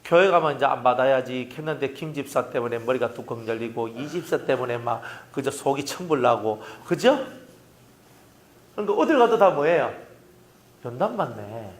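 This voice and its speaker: Speaking at a moderate pace with medium pitch and lively intonation, a middle-aged man delivers a sermon as pastor. His Gyeongsang Korean accent colors a folksy, jokey style, and he often asks the congregation questions.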